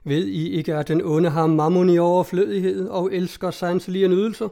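A man's voice: high voice, level tone, gravelly, dark tone, pitched above the performer's own voice. A man voicing a stout, fervent old monk who exclaims his warnings. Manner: zealous, exclaiming.

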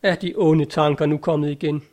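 A man's voice: on the high side, steady tone, a little mellow, close to an everyday voice. A man voicing a grieving, frightened young wife in a read-aloud story. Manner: anguished, tearful.

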